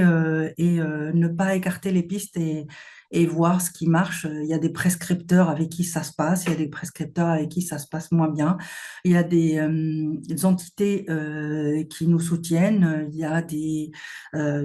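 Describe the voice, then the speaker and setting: Woman talking about her business, lots of umms, earnest, mellow voice. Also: deep voice. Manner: hesitant, many fillers, earnest. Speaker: company founder, guest. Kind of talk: interview answers.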